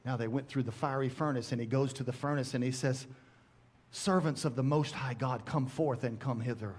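A middle-aged man pastor preaching a sermon on a large church stage through a headset mic, with emphatic rising calls and slow, drawn-out scripture readings. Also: medium pitch, husky. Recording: church sermon with music behind.

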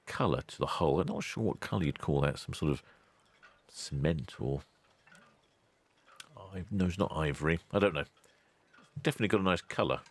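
A man, hosting a ship-spotting channel in a relaxed, chatty voice-over with dry asides. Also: very deep voice. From England. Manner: chatty, dry asides, loud cheery greetings.

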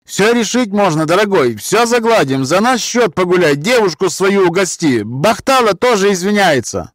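A man voicing a nervous, fawning man who pleads to smooth over a fight. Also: high-pitched, big pitch swings, moderate pace, a bit bright, dry recording, pitched above the performer's own voice. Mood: pleading. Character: nervous man placating a scarred thug.

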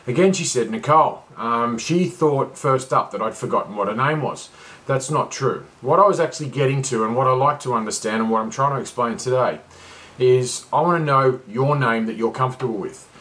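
A man's voice: medium pitch, fairly quick, a bit bright. A man talking casually to camera as a coach, rambling with many fillers and restarts. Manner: rambling, lots of uh and restarts, wanders off track.

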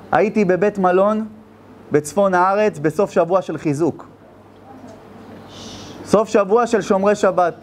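A rabbi preaching a sermon, telling stories and firing rhetorical questions with passion. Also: male voice, high-pitched, slight background noise.

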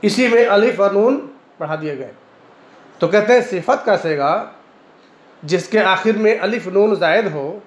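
A man teaching Arabic grammar in Hindi-Urdu with an Indian Urdu accent, a classroom lecture where he repeats each point and keeps checking in with "है ना", now and then clearing his throat. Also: high voice, measured pace. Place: madrasa classroom. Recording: echoey room, dull lo-fi sound, faint hiss.

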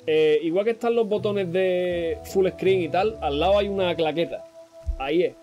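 A man's voice: high-pitched, normal speed, warm tone, faint music behind. A young man with a Spanish accent from Spain, casually commenting on a game he is streaming and joking with his chat. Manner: chatty and joking, talks to chat. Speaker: gaming streamer. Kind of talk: casual let's-play commentary.

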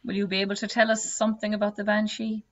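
A woman's voice: mid-range voice, flat delivery, fast. A woman interviewing in a conversational way over a video call. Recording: slightly dull video call audio.

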